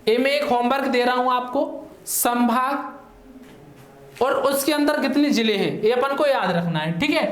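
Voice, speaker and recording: A man's voice: very high voice, a little slow, fairly bright tone. A male teacher, giving an online exam-prep lesson in a chatty way and often checking in with his listeners. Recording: echoey room.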